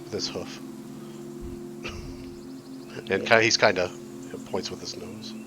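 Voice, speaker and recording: A man's voice: low-pitched, fairly even intonation, slow, bright, forceful tone, soft background music. A man running a tabletop game as game master, chatting loosely and narrating scenes with frequent laughs.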